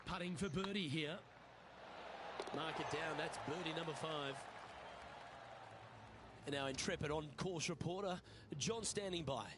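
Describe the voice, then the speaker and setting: Higher-voiced male golf commentator, loud crowd. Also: unhurried, pauses often. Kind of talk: golf commentator play-by-play in a video game broadcast. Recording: loud crowd and ambient noise behind. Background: golf crowd and outdoor ambience.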